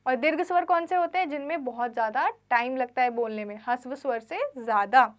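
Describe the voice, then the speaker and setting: High-voiced woman teaching grammar to children. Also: fairly quick. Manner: reads textbook lines, then re-explains them in simple mixed Hindi-English; asks quiz questions and answers them herself. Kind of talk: Hindi grammar lesson for children.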